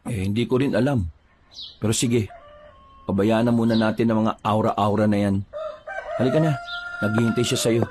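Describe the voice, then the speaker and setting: A man playing a steady, protective village father who talks in a plain, reassuring way. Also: lowish voice, normal speed, long pauses, slight background noise, close to an everyday voice.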